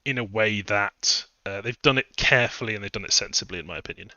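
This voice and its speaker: A man's voice: lowish voice, fast, bright, forceful tone, no echo, highs cut off. A man chatting casually on a live stream, rambling through his points with fillers, a little out of breath. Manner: rambling, conversational, many fillers and restarts. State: a bit out of breath. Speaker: streamer and game modder.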